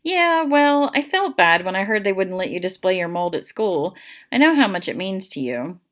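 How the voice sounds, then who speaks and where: A woman's voice: mid-range voice, very animated, normal speed, lightly acted. A woman voicing a chatty, self-assured teenage girl who talks in a showy, formal way, in a children's audiobook.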